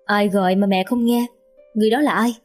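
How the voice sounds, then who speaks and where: A man's voice: high-pitched, steady tone, fairly quick, faint music behind. A woman voicing a hot-tempered young man who speaks curtly and threateningly to his mother. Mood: irritated. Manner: curt, demanding and threatening.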